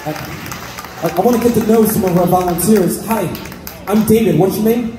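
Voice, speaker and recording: A man's voice: sits high, fairly quick, heavy background noise. A man in his thirties working as a stage hypnotist, giving volunteers repetitive, suggestive commands over a PA in a live show. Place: covered open-sided fairground stage. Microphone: handheld mic through PA speakers. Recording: echoey PA filmed from the audience. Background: loud music and crowd chatter.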